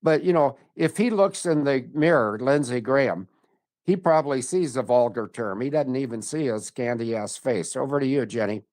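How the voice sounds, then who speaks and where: A man's voice: medium pitch, moderate pace, darkish tone. A man in his seventies, a regular commentator on a talk show, speaking in a blunt, rambling way that drifts from one tangent to the next. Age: 70s. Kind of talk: casual chat.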